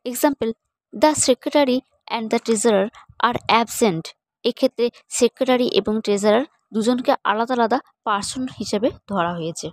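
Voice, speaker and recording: A woman teacher with a Bengali accent giving a grammar lesson, reading example sentences slowly and deliberately, then explaining them more quickly. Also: on the high side, dry recording, poor audio. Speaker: English teacher. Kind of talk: slow, measured grammar lesson.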